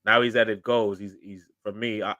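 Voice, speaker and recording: A man, a guest pundit in casual football banter, slangy and animated and laughing often. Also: on the low side, moderate pace, no room sound, lo-fi sound.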